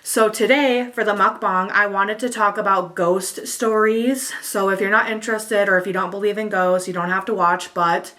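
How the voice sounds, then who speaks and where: Bright-voiced woman chatting while eating. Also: medium pitch, steady tone. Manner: chatty, lots of "um" and "like", unhurried. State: out of breath. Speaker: vlogger. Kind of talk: casual eat-with-me chat. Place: at home. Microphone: camera mic.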